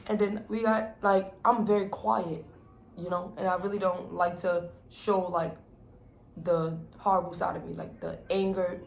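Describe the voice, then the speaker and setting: A young adult woman vlogger telling a personal story in casual, animated slang, acting out what people said. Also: fairly low pitch, measured pace, vocal fry. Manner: animated storytelling, acts out quotes, heavy slang and swearing. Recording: roomy echo with faint background noise.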